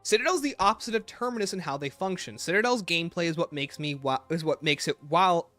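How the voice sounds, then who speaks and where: Male livestream host, somewhat high bright voice, opinionated, talks back to chat, soft music behind. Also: lively intonation, quick pace. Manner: opinionated, reads and answers chat aloud. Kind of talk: casual livestream commentary.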